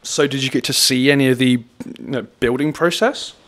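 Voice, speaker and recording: A man's voice: medium pitch, fairly quick, fairly bright tone, natural voice. A young man playing an eager TV field reporter, interviewing on a handheld microphone in a spoof. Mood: inquisitive. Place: conservatory.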